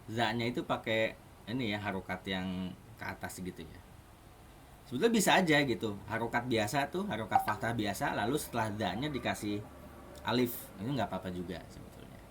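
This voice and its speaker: A man's voice: lowish voice, lively intonation, fairly quick, a bit bright, slight background noise. A man teaching an online Arabic class in a casual, chatty way, often asking his students questions.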